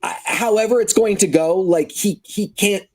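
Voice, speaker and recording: A man's voice: sits high, moderate pace, a little mellow. A man co-hosting a comics podcast, talking casually with lots of "like". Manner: chatty, many "like"s. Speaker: podcast co-host. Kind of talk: casual chat about comics.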